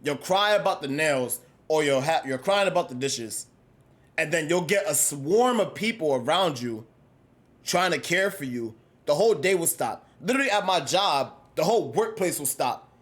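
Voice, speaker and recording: Young male streamer, high voice, slangy and rambling, casual chat with viewers. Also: normal speed. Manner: animated, rambling, slangy, swings between loud and mumbled. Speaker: livestreamer.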